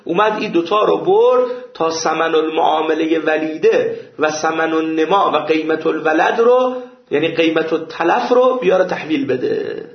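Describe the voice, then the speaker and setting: A man teaching a seminary jurisprudence class, explaining a point and then telling an anecdote to make it. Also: on the high side. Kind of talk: jurisprudence lecture. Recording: echoey lo-fi classroom recording.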